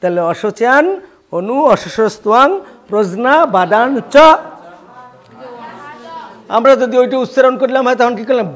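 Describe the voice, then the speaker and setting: Brief: older male religious teacher, high voice, folksy, quizzes his class. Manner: folksy, asks the class questions. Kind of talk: scripture lesson.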